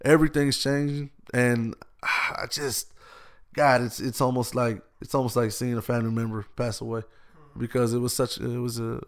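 A man's voice: medium pitch, level tone, normal speed. Earnest man, plain mid voice. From Austin, Texas. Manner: earnest, heartfelt, rambling with restarts. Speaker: guest, youth gang-prevention worker. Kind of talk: casual conversational interview.

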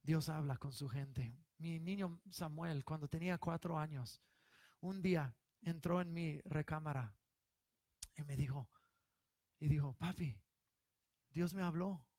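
A male pastor delivers his sermon in a high, clear voice, taking his time over each phrase. His preaching is emphatic and swells to loud stressed lines. The sound is close and dry, with hardly any room in it. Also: measured pace, dry recording.

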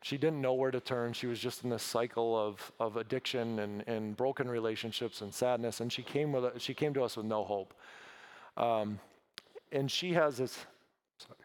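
A man giving an earnest, emotional conference talk about his ministry, halting often with fillers. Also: mid-range voice, steady tone. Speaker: ministry speaker.

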